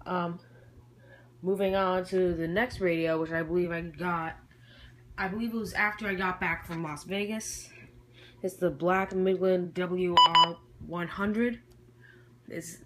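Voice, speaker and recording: Steady and unhurried, a mid-range, fairly bright voice presents a collection for YouTube in a loose, rambling show-and-tell. The speaker hesitates, trails off and corrects themselves, recorded on homemade camcorder audio with audible background noise.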